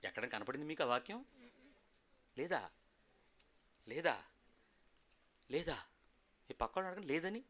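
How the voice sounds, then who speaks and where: A man's voice: fairly high pitch, sing-song, unhurried, long pauses, fairly bright tone. A man preaching a sermon as pastor, emphatic, asking rhetorical questions and prompting the congregation to repeat after him. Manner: emphatic, call-and-response with the congregation.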